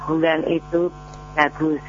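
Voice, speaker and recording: A woman calling in to a radio lesson, reading exercise answers slowly and haltingly. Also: deep voice, flat delivery. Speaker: caller, student. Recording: tinny radio call with faint hum.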